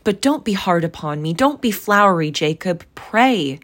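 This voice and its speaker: A woman's voice: deep voice, takes it slowly. Woman doing a shaky frightened old miser. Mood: pleading. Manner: faltering, pleading. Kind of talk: storybook reading.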